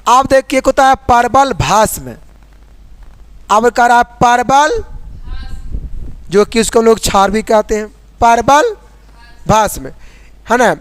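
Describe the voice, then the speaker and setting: A man teaching a school chemistry lesson, asking the class questions and answering them himself, and reading chemical formulas out slowly letter by letter. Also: very high-pitched, lively intonation, fairly bright tone, clear, resonant tone, no echo. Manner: repeats questions and drills answers.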